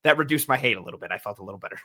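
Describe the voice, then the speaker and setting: A man's voice: on the low side, very fast, no echo, studio quality. A man analyzing football as a guest on a casual sports podcast, telling stories animatedly and acting out what others said. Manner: animated storytelling with quoted voices.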